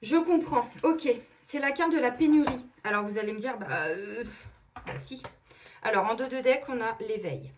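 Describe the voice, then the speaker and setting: A middle-aged woman doing a casual oracle card reading, chatty and animated, acting out little imagined dialogues. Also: high voice, normal speed, slight background noise. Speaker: tarot and oracle card reader.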